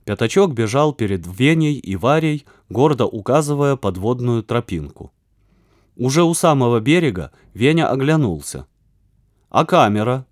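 Lively male audiobook narrator. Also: mid-range voice, normal speed, no room sound, clean studio sound. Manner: expressive storytelling. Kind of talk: scripted narration.

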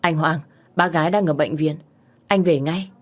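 A woman's voice: sits low, normal speed. A woman voicing an urgent, curt young woman calling with news.

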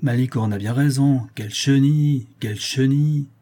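A coarse, impatient bailiff's henchman, gruff and brusque, with loud raised outbursts, as a narrator puts him on. His tone is dark and husky. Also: medium pitch, normal speed, voice pushed up, natural voice. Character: rough male debt collector's officer, impatient and coarse.

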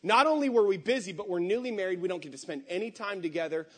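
A man pastor preaching a conversational sermon, animated and candid, swinging between loud emphatic bursts and quiet asides. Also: high-pitched, quick pace, breathy edge. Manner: candid venting tone.

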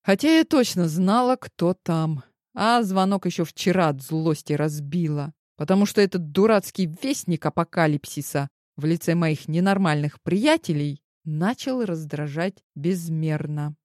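A woman narrates a first-person novel at an unhurried pace in a wry, brash way. Her voice is low and mellow, and the recording is close and dry. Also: lively intonation, no room sound. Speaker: audiobook narrator.

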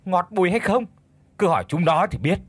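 A man's voice: high voice, lively intonation, a little fast, husky, no echo, voice pushed up. A male narrator voicing a drunk old village man who taunts with a sneer. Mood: mocking.

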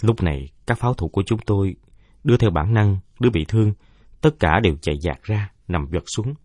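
A man narrating a first-person war story in a somber, measured audiobook reading. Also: lowish voice, animated, darkish tone, no echo.

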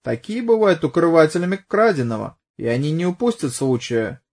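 A man's voice: a little high, expressive, brisk, darkish tone, pitched above the performer's own voice. Man voicing a pushy cop who keeps needling, sarcastic and blunt. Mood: probing. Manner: pressing, mocking, blunt. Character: pushy sarcastic middle-aged police detective.

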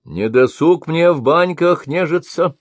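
A man's voice: mid-range voice, sing-song, moderate pace, no echo, pitched above the performer's own voice. A man reading an audiobook voices an arrogant sorcerer who barks orders. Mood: imperious. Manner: commanding, sharp calls. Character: arrogant male sorcerer, imperious and impatient.

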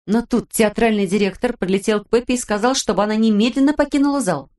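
A woman narrating a children's audiobook in an even, steady manner. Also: a little high, quick pace. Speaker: audiobook reader.

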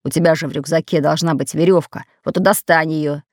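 Woman playing a bossy fat pirate captain, low and growling, storybook audiobook. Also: steady tone, brisk, a little mellow, no room sound, clean studio sound. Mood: impatient. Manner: growling, commanding.

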